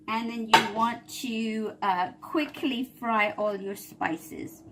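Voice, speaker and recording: Chili fumes have this home cook coughing slightly as she walks through a recipe for her cooking video, casual and talkative, checking in often with "all right?". She has a bright, higher-pitched voice. There's slight background noise in her kitchen.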